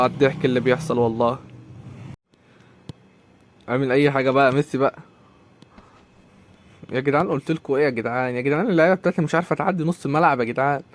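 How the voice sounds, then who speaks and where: Fast-talking Egyptian gamer, exasperated. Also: male voice, a little high, darkish tone, a little hiss or hum. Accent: Egyptian Arabic. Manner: exasperated, rapid banter, repeats complaints. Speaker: gaming YouTuber. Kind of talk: live commentary over a football video game.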